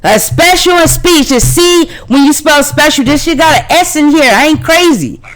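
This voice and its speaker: High-pitched woman arguing on a podcast. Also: animated, normal speed. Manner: argumentative, profane, slangy. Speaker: podcast co-host. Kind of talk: casual heated chat.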